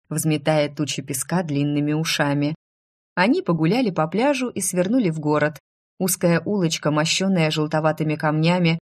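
A woman narrating a story aloud with a lively, expressive, lightly ironic delivery. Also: low-pitched. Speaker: audiobook narrator.

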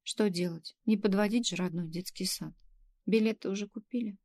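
A woman's voice: medium pitch, moderate pace, a little mellow, natural voice. A woman voicing a sulky young female kindergarten worker in her twenties, grumbling and reluctant. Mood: glum. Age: 20s.

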